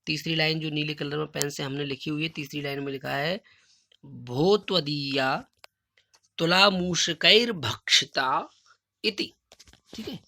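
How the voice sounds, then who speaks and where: A male teacher giving a recorded lesson, dictating answers slowly and deliberately word by word, with everyday explanations in between. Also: fairly high pitch, steady tone, gravelly, pushed and bright. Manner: explains in everyday Hindi between recited lines. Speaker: Sanskrit teacher.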